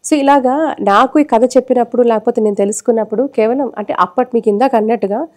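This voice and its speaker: Mellow-voiced woman giving devotional talk. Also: fairly high pitch, fast. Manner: earnest, explanatory, shares own experience. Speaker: devotional speaker.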